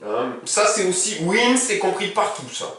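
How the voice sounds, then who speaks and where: A man's voice: sits high, big pitch swings, measured pace, a bit bright, recorded from a distance. A man teaching a casual language lesson, talking informally and reciting verb conjugations in a row. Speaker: Arabic teacher. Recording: very echoey room, speaking from away from the mic.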